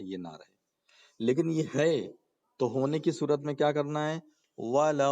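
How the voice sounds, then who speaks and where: Male tajweed teacher, mid-pitched voice, patient and repetitive, asks questions as he explains. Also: darkish tone, lo-fi sound. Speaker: Quran recitation and tajweed teacher. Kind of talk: spoken lesson with slow chanted recitation examples.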